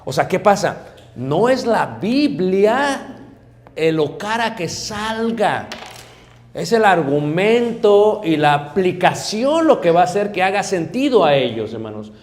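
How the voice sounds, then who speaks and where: A man preaching a sermon with a fairly high voice. He swings from loud, pressing emphasis to low, quiet asides, keeping the delivery lively. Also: measured pace. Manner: acts out everyday dialogue in other voices.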